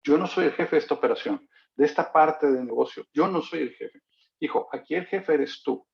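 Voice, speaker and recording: A man's voice: fairly high pitch, normal speed, gravelly. A man, giving a sales lecture and acting out a fable between a father and his son. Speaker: sales trainer. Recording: dull lo-fi recording.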